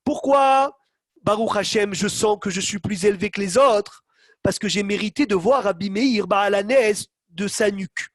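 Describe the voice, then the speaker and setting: On a video call, a high-voiced man leads an online Torah lesson at normal speed, animated as he acts out quotes and calls on students by name. The audio is very dry and close, with no room sound at all.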